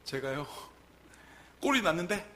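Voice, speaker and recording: A male pastor preaching a lively sermon, acting out quoted lines and rising to shouts at the peaks. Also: fairly high pitch, a little slow, a little hiss or hum. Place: church sanctuary.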